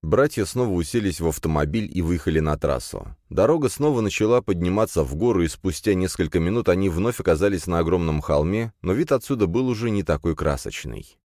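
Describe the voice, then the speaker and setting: Deep-voiced guy reading an audiobook, lots of melody in it, steady storytelling, bone dry close mic. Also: a little fast, hardly any pauses, no echo. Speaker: narrator. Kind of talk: scripted audiobook narration.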